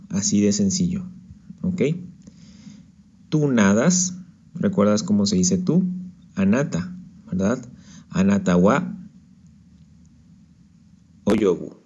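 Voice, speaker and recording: Male teacher, slow and patient, mellow tone, dull lo-fi recording. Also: lowish voice, husky. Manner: patient, checks in with "¿ok?". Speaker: Japanese teacher. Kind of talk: slide-based language lesson.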